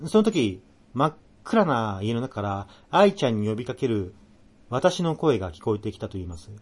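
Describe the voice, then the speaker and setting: Animated male radio host reading ghost stories. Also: mid-range voice, moderate pace, husky. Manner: animated, plaintive when teased.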